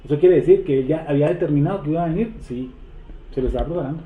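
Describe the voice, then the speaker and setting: A man leading a Bible study, quizzing the seated group and repeating verses slowly. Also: on the high side, slight background noise. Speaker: Bible teacher. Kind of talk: interactive Bible study teaching. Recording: echoey room over a tinny phone-like line.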